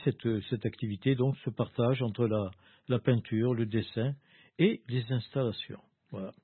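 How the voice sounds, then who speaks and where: A man presenting a small poetry book in a casual, slow way, with many fillers and restarts. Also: medium pitch, slightly rough, dry recording. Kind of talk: casual spoken book review. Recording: dry, phone-like narrow sound.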